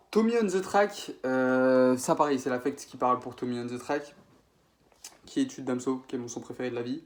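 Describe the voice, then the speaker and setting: A man's voice: mid-range voice, darkish tone. A young man from France, casually ranking his favorite rap producers, rambling with many fillers and self-corrections. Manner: slangy, informal French. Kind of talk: casual spoken ranking video.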